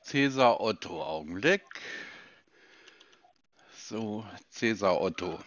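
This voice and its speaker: A man's voice: fairly low pitch, lively intonation, slow, a bit bright, highs cut off. A man on a call, answering with dry, skeptical, needling questions. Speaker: call recipient.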